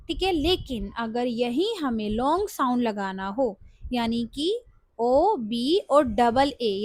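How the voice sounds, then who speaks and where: A woman's voice: high voice, fairly bright tone, no echo, studio quality. A woman teaching a beginners' language lesson, explaining step by step and often checking that learners follow.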